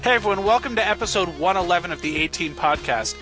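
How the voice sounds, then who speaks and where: A man hosting a casual podcast, his voice sounding like it comes through a tube, with dry deadpan quips. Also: high-pitched, quick pace, music in the background. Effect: sounds like talking through a tube. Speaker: podcast host.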